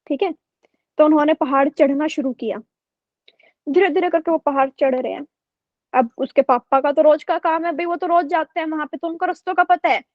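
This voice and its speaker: A woman's voice: high voice, a little fast, no room sound, muffled recording. A woman teacher telling a story to her online class in a chatty way, often checking in with her students. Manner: chatty, keeps checking with "okay?".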